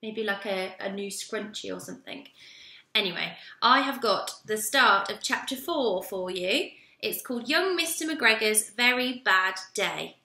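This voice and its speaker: A woman reading a children's storybook aloud in a lively, expressive way. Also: medium pitch, a little slow, creaky. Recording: roomy echo.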